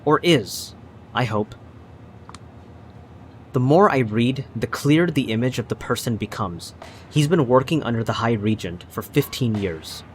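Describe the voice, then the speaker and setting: A man's voice: medium pitch, lively intonation, measured pace, pauses often, a little hiss or hum. A man reading a story game's first-person narration aloud as he plays. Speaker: video game player reading aloud. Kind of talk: dramatic reading of game narration.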